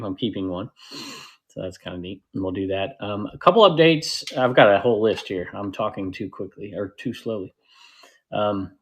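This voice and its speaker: A man hosting a casual livestream, rambling and interrupting himself, with sudden excited bursts. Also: lowish voice. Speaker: host of a live selling platform stream.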